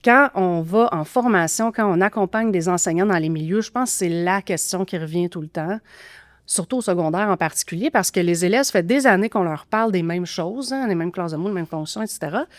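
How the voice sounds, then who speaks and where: A woman's voice: fairly low pitch, a little fast, no room sound, clean studio sound. A woman with a Québécois accent explaining teaching methods as a podcast guest, thoughtful with frequent fillers and restarts. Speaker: grammar teaching expert guest.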